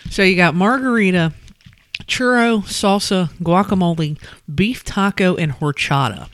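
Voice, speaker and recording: A woman's voice: on the low side, measured pace, no room sound. Chatty woman taste-testing snacks. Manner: chatty, lots of fillers, reads labels aloud. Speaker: host.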